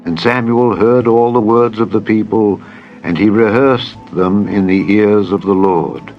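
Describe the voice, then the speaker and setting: A man narrating a dramatized scripture reading in a solemn, measured, formal manner. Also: fairly low pitch, lo-fi sound. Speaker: Bible narrator. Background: background music.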